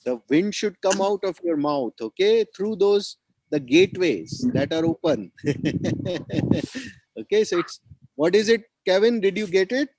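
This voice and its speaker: A man's voice: high-pitched, lively intonation, measured pace, darkish tone, rough recording. A man teaching children over a video call, encouraging them and repeating his praise and questions. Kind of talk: online children's class.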